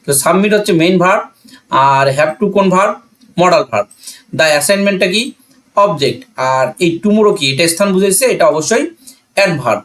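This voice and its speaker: Speaking with a Bangladeshi accent, a man with a slightly high, somewhat bright voice teaches grammar as if in a classroom. He works methodically and didactically, asking questions and answering them himself, and keeps repeating phrases to bring key points back.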